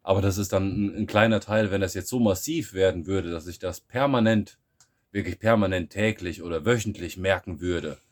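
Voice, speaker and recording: A man from Germany co-hosting a podcast in casual chat, relaxed and musing, often restarting his sentences. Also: low-pitched, normal speed. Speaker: podcast co-host.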